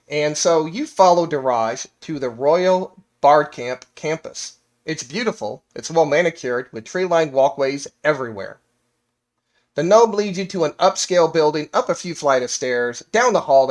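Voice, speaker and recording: Game master, male, slightly high voice, measured scene-setting narration for a fantasy campaign. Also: lively intonation.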